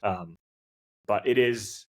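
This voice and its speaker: A man, a professional gravel racer, chatting as a podcast guest, rambling through anecdotes with many fillers and restarts. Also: fairly low pitch, takes it slowly, darkish tone. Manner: tells anecdotes, acts out quoted people. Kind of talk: casual chat.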